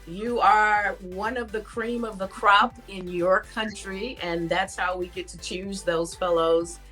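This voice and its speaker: A woman's voice: mid-range voice, fairly even intonation, a little slow, pushed and bright, faint music behind. A woman hosting a conversational interview and addressing her guest directly. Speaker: interview host.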